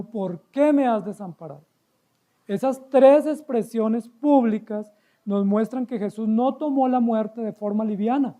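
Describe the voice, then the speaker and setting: Speaking in a high, mellow voice, a Colombian-accented man delivers an expository sermon as a pastor. His preaching is emphatic, and he keeps posing rhetorical questions to the congregation.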